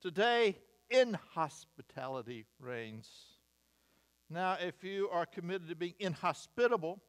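An older American man preaching from a church pulpit in a fairly high voice. He reads through points with measured emphasis and slips in wry asides. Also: animated, clear, resonant tone. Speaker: pastor. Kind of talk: sermon. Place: church sanctuary, at a wooden pulpit. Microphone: pulpit mic, far camera.

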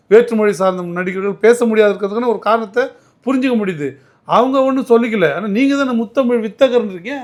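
In an interview, a high-pitched man answering as a political commentator argues emphatically. He frequently restarts his words.

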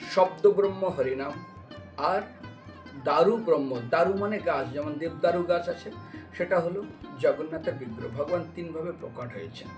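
The voice is a man's, on the high side and moderately paced. As a preacher and storyteller, he recounts a devotional lesson with energy, voicing dialogue and questioning those listening. Music sits behind him, and the mic is far away.

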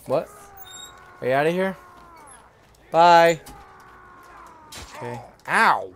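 A young man streaming a game, chatting casually in a drunken, rowdy party-animal way with a gravelly voice. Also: on the high side, animated, drawn-out words, a bit bright. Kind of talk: casual chat while gaming.

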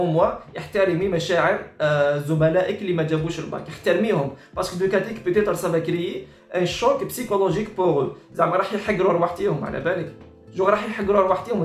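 Casting: Algerian male online commentator, exasperated and repetitive, rapid-fire delivery, echoey room with faint music behind. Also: high-pitched. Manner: exasperated, repetitive, mixes Arabic with French. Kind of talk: informal reaction commentary. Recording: roomy echo with faint music.

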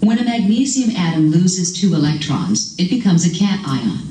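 A woman's voice: lowish voice, big pitch swings, moderate pace, mellow. A woman reading scripted educational narration. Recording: roomy, distant playback, faint noise.

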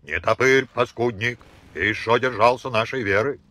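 A man's voice: mid-range voice, moderate pace, pushed and bright, no room sound. A man voicing a harsh, commanding old peasant father who speaks in rustic dialect and threatens. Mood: stern. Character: stern old male Old Believer father.

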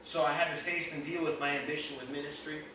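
A man gives a sermon testimony in a church sanctuary, moving from storytelling into emphatic preaching. His voice sits a little high. It comes from a distant mic in a very echoey hall, with clear noise behind it. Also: little pitch movement, fast talker, pushed and bright. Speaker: guest minister.

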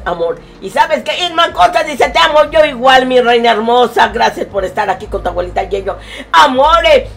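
A woman's voice: on the high side, a little hiss or hum. A woman with a Mexican accent, streaming a game live and fondly greeting viewers in chat. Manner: affectionate, calls viewers "my love", sings snatches.

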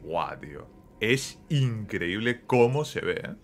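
A man with a Spain Spanish accent giving casual, excitable reaction commentary over gameplay, dropping quick tag questions to his viewers. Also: lowish voice. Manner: excitable, peppers speech with quick tags. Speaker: gaming YouTuber.

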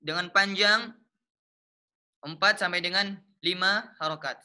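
Bright-voiced Malaysian man teaching recitation. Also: high-pitched, clear, resonant tone. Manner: slow, patient, repeats terms, chants the verse examples. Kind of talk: explaining tajwid rules step by step.

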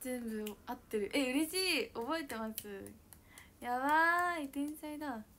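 A young woman with a high, bright voice and a chats casually with viewers on her livestream. She is bubbly and giggly, and she talks loudly. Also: measured pace. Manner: giggly, bubbly, frequent laughter; self-describedly loud voice. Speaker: idol livestreamer. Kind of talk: casual chat reading viewer comments.

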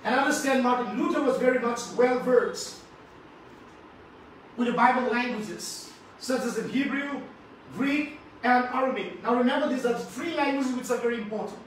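A man with an Indian English accent delivers a sermon in a high, emphatic voice, repeating phrases and prompting the congregation to respond. He sounds distant from the mic, and heavy echo fills the large hall. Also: moderate pace. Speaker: preacher. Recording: very echoey hall, from far off, faint noise.

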